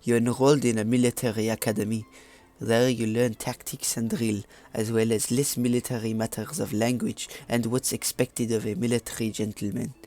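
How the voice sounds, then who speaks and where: A man's voice: medium pitch, little pitch movement, moderate pace, warm tone, natural voice. A man putting on a mock French accent to read a game story. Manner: hammy, stumbling over words while reading aloud.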